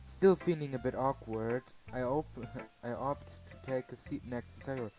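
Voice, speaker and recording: A man's voice: mid-range voice, normal speed, darkish tone, soft background music, low-quality recording. A man with a German accent and German as his first language, reading a visual novel aloud with stumbling, laughing casual delivery.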